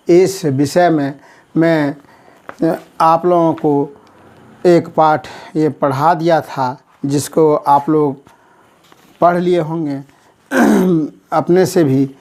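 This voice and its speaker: A man's voice: on the high side, a little mellow. A man teaching a school lesson to children, patiently explaining each word and repeating the answers. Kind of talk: classroom lesson.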